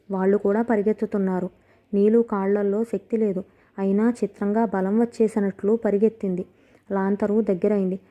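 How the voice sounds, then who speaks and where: A woman narrates a novel with steady, expressive storytelling. Her voice is deep-toned and mellow, and the recording sounds dull and lo-fi. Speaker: audiobook narrator. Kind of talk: novel reading.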